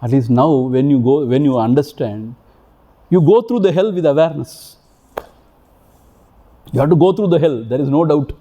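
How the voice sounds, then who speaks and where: Mellow teacher giving a discourse. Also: male voice, a little high, expressive, normal speed, pauses often, highs cut off. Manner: repetitive, emphatic, asks rhetorical questions. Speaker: spiritual teacher. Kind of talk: spiritual discourse to a retreat audience. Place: retreat hall before an audience.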